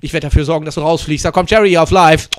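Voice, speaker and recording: A man with a hoarse voice doing a rowdy, crude comedy skit, shouting and mixing English words into his German. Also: on the high side, steady tone, fast, no echo, clean studio sound.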